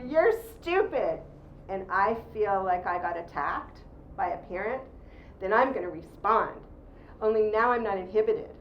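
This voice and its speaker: A woman giving a workshop talk to an audience, taking questions and acting out scenes as she tells them. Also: medium pitch. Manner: animated storyteller, acts out quoted voices. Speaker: workshop presenter. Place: room with audience. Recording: roomy, dull lo-fi sound with faint noise.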